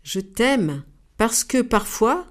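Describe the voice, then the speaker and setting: A woman's voice: fairly high pitch, lively intonation, slow pace. Brief: tender soothing dove, storybook, read by a woman. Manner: soft, kind and soothing. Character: gentle loving female dove.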